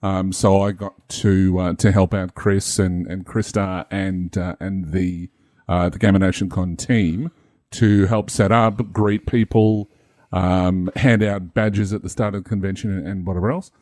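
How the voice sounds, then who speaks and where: Lowish-voiced guy co-hosting a podcast, relaxed, explains stuff, dry sound. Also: measured pace, dry recording. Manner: relaxed, explanatory, with many fillers. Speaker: podcast co-host, convention marshal. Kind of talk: casual chat.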